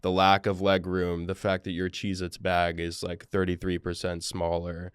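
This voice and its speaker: Low-voiced rambling young man. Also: completely flat delivery, moderate pace, clear, resonant tone, no room sound, clean studio sound. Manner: wry, rambling, heavy on fillers. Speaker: podcast co-host. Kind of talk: casual chat.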